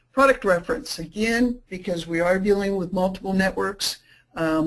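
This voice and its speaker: A woman presenting a software webinar, explaining features casually with frequent fillers and restarts. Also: lowish voice, poor audio. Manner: says she is talking too fast. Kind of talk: screen-share product demo.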